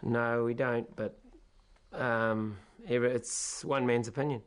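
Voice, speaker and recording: A man with a New Zealand accent, a farmer answering informally and plainly, a little haltingly. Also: mid-range voice, steady tone, clean tone. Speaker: dairy farmer being interviewed.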